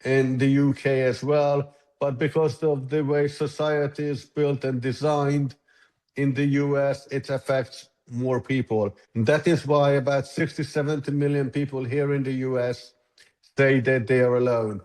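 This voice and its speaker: Speaking at a slightly slow pace, this man has a mid-range, level and somewhat mellow voice, and the recording quality is poor. He is a tech founder born in Hungary, in his sixties, giving thoughtful answers as an interview guest in a conversational exchange and often starting sentences over.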